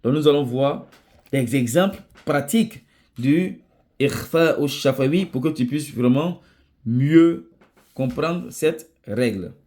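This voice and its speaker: A man's voice: mid-range voice, expressive, darkish tone. French-speaking man teaching Quran recitation. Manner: checks in with a repeated "ça va?"; repeats and restates each point slowly. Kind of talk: tajwid lesson.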